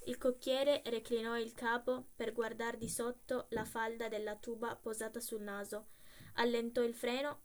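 A woman reading a literary story aloud, expressive and measured. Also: a little high. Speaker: reader.

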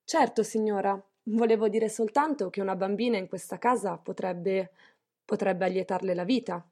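A woman's voice: medium pitch, normal speed, warm tone, natural voice. A woman reading an audiobook, voicing a timid young housemaid girl who speaks hesitantly and apologetically.

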